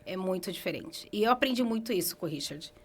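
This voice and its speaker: A Brazilian woman hairdresser, a guest on a beauty podcast, telling stories lively with quick laughs. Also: medium pitch, husky. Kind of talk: casual podcast interview.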